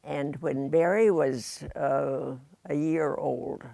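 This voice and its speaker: A very old woman, about a hundred, with a Midwestern American accent, reminisces haltingly in an interview, pausing often. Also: low-pitched, fairly even intonation, creaky, mellow, dry recording, studio quality. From United States, rural Indiana. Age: very old, about 102. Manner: halting delivery with long pauses and many hesitations.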